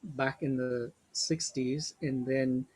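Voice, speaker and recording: Slow, gentle older man leading a webinar. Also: mid-range voice, steady tone, breathy edge. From Vietnam. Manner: slow, gentle, reflective, with small restarts. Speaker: workshop facilitator. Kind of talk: guided webinar talk.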